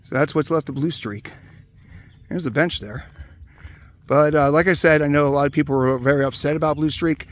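A man from the Hershey area of Pennsylvania walks outdoors through an old amusement park, talking casually into a handheld camera. His delivery is relaxed and conversational, dotted with "uh" and "um" as he points out rides. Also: a little high, fairly quick, pauses often. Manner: relaxed, chatty, many "uh" fillers. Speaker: vlogger exploring a closed amusement park. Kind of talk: casual walk-around commentary.

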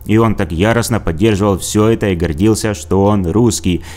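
A man's voice: lowish voice, brisk, darkish tone. A man narrating a scripted commentary video in a sarcastic, mocking tone. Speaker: video blogger.

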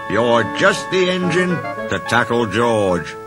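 A man's voice: medium pitch, big pitch swings, moderate pace, loud music behind the voice. A man voicing a wise old male engine in a storybook reading, with a grave, sly manner.

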